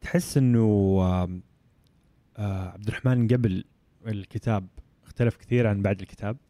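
A man hosts a podcast and keeps the banter light and playful. His voice sits low and mellow, and he talks quickly. The recording is close and dry. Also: dry recording. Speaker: podcast host. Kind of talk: casual interview.

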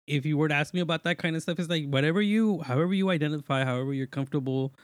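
A man's voice: fairly high pitch, racing, no room sound, clean studio sound. A man from Mexico chatting casually as a podcast guest, telling personal stories informally with slang and quoting himself. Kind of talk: casual chat and personal storytelling.

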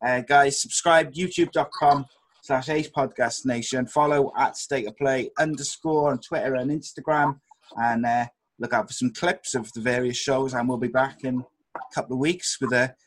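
A man's voice: mid-range voice, poor audio. A man from Wales hosting a podcast in casual, teasing, matey sports chat. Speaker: podcast host.

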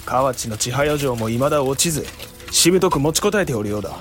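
A man's voice: medium pitch, expressive, fast talker, soft background music, lightly acted. A man playing a worried samurai warrior reporting on the war in a period drama. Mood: grave. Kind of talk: period audio drama acting.

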